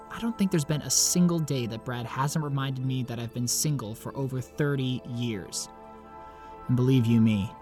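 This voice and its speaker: A man's voice: mid-range voice, close to an everyday voice. A man playing an awkward, lovelorn young vampire who narrates in a self-deprecating, confiding way. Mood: wry, wistful. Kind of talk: scripted first-person narration and dialogue.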